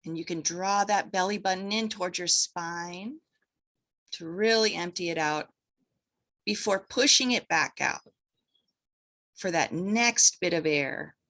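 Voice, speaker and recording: Speaking in brief, gentle phrases separated by pauses, a woman guides listeners through breathing and meditation. Her voice is on the low side.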